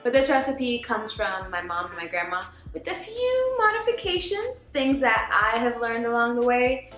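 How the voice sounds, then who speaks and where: A woman's voice: a little high, very animated, moderate pace, a bit bright, echoey room, soft background music. A young woman from Jamaica, chatting casually and jokingly as she hosts her cooking vlog. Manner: bubbly, jokey, laughs often. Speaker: cooking vlogger.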